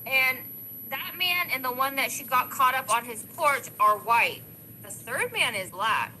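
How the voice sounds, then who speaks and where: A woman in her forties with a high, very bright and forceful voice streams from home, reacting to videos. She talks emphatically and bluntly, raising her voice when a point matters to her. A faint hiss sits under her voice. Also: animated, measured pace, low-quality recording. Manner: emphatic, opinionated, gets loud when passionate. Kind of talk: live-stream commentary.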